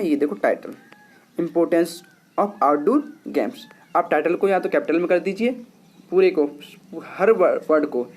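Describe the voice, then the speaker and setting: A man's voice: on the high side, darkish tone. A man teaching a lesson, explaining patiently and often repeating himself as he talks to his students. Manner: patient, repetitive, addresses students as children. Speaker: English teacher.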